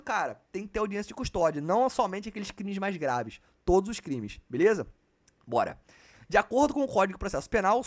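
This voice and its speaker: A man runs a live online exam prep class. His voice sits high for a man, and he talks in a loose, slangy way with plenty of swearing, calling his students "cara" and "galera". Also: fairly bright tone.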